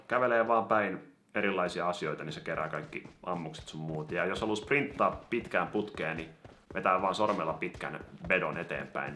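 A man doing casual gameplay commentary on a mobile game, excitable and given to sudden yelps when startled. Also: deep voice, a little hiss or hum. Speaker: gaming YouTuber.

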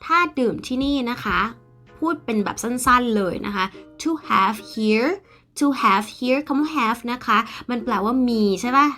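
A young Thai woman leads a casual English lesson, her voice bright and a touch high. She explains in Thai and slows right down to say each English phrase clearly. Faint music plays underneath. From Thailand. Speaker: English teacher.

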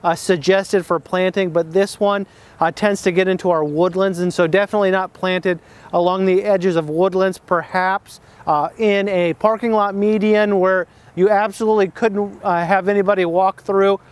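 A man with a high, smooth, resonant voice teaches plant identification outdoors. He talks unscripted and hesitant, with frequent fillers and restarts, and traffic can be heard somewhere nearby. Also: steady tone, moderate pace. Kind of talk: casual outdoor plant lesson.

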